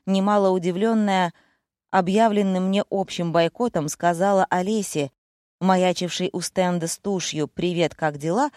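A woman reading a comic detective novel aloud in the first person, with ironic, brisk storytelling. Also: lowish voice, darkish tone, no room sound, studio quality. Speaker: audiobook reader.

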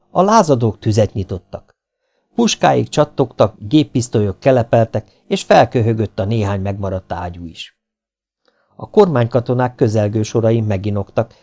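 A man reading an audiobook in a steady, measured narration. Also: fairly low pitch.

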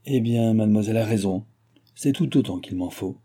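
A man's voice: lowish voice, a little fast, warm tone, husky. A man voicing a frivolous young maid who answers hesitantly, sometimes stammering.

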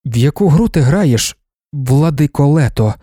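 Here is a blunt, wary soldier who keeps pressing with short, pointed questions, as a man reads him. The voice has a mid pitch and a mellow, darker tone. The recording is dry and close. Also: animated, unhurried, no echo.

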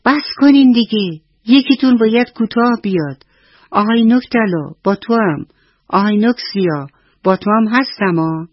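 A woman voicing a caring but fussy mother hen in a children's radio story, with a husky voice on a dull, dry radio recording. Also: deep voice, animated, no room sound, heavily acted. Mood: scolding.

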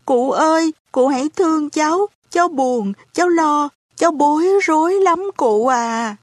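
A woman's voice: sits high, measured pace, no echo, clean studio sound, pitched above the performer's own voice. Woman doing a pleading orphan boy. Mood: pleading, anxious. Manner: pleading, urgent, raised voice. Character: anxious orphan boy searching for his family.

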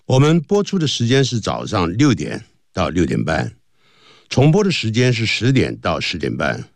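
A man's voice: lowish voice, wildly swooping pitch, normal speed, no room sound, studio quality. A male radio announcer reading out broadcast times, frequencies and the station's website. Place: radio studio.

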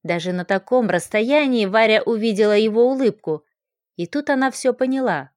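Expressive female audiobook narrator, slightly high, dry studio sound. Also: moderate pace, dry recording. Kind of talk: scripted fantasy narration.

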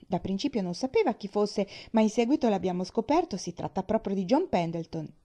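A bubbly little girl, bursting with excitement and tumbling from one eager sentence to the next, as a woman reader puts her on. Her tone is soft and mellow rather than bright, lifted into a higher, sunnier register for the storybook. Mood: excited. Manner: bubbly, eager, breathless rushes of words. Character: cheerful excitable young girl, chatty.

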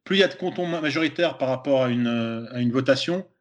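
A man's voice: mid-range voice, fast. A man from Switzerland with a Swiss French accent, a comedian guest chatting casually on a podcast, hesitant and repeating words often.

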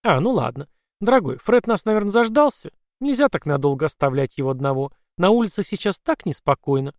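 A man voicing a sweetly menacing possessed mother who speaks in a sugary, calm, coaxing way. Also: high-pitched, fairly quick, dry recording, clean studio sound.

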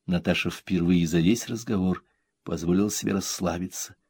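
A man narrating an audiobook in a measured, even way. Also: sits low, slightly rough, dry recording. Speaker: audiobook reader. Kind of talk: scripted narration.

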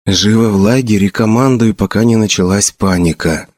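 Man doing a hushed, urgent officer. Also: moderate pace, no echo, close to an everyday voice. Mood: urgent whisper. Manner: hushed, low. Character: calm older male officer, urgent whisper.

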